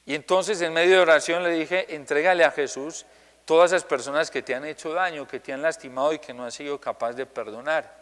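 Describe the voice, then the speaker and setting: A man's voice: a little high, fairly quick, in a large hall. A male Colombian priest giving a homily, telling a personal story and acting out the people he quotes. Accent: Colombian Spanish. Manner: storytelling, quoting others in lively voices.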